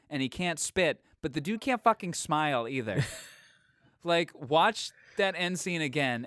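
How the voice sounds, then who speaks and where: A man's voice: mid-range voice, a bit bright, clean tone, dry recording, studio quality. A man co-hosting a podcast, casually retelling a film's plot, chatty and laughing, with lots of filler words. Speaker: podcast co-host.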